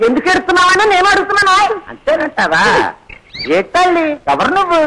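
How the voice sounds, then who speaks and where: An actor playing a comic male railway police constable who talks loudly, teases and scolds with rural wordplay. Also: very high-pitched, sing-song, fast talker. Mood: teasing, scolding. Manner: loud, teasing and scolding, full of rural wordplay. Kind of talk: 1980s Telugu film comedy. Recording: old film soundtrack with loud crowd noise.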